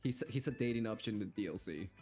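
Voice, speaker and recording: A man's voice: fairly low pitch, quick pace, a little mellow, soft background music. A man co-streaming a game who chats casually and shares trivia about the voice cast. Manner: casual, chatty, explains trivia. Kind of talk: casual gaming chat.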